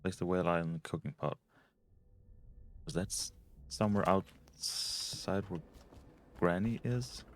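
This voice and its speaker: A man's voice: deep voice, unhurried. A man giving casual let's play commentary, thinking aloud as he goes, with game sound behind him. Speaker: gamer.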